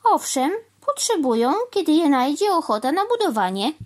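A woman voicing a cheerful, stubborn mother cow in a children's story, answering calmly and matter-of-factly. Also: high voice, normal speed, voice pushed up. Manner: calm, matter-of-fact, unbothered. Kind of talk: storybook reading.

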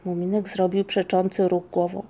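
A woman narrating a children's storybook in a measured, expressive reading. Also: lowish voice. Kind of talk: audiobook storytelling.

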